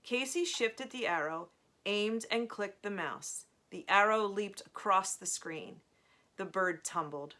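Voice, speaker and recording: A woman reading a novel aloud in a slow, measured storytelling manner, with casual asides between chapters. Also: mid-range voice, sharp tone. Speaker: reader of a novel.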